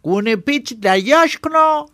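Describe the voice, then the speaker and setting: A man voicing an excitable, theatrical male smuggler sidekick in a high, whiny voice for an audiobook. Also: no room sound, heavily acted. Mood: excited. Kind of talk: audiobook character voice.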